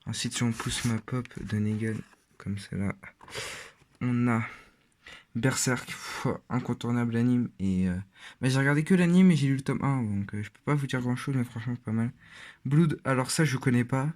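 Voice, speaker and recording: A teenage boy talks in a loose, casual way, stopping often on fillers and restarting his sentences. His pitch sits in an ordinary middle range for a young male voice. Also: moderate pace, darkish tone. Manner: rambling, hesitant with many fillers. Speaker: vlogger. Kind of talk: casual shelf tour.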